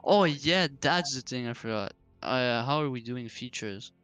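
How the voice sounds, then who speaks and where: A man's voice: mid-range voice, expressive, a little slow, a bit bright, clear, resonant tone, soft background music. A man player in a tabletop game, easygoing and rambling as he checks the rules. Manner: easygoing, rambling, lots of fillers. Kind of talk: casual tabletop game chat.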